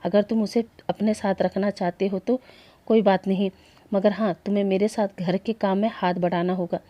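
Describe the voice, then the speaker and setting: A woman's voice: medium pitch, steady tone, moderate pace, no echo, lo-fi sound, lightly acted. A woman voicing an easygoing young male friend and roommate in a story she narrates. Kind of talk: storytelling voice acting.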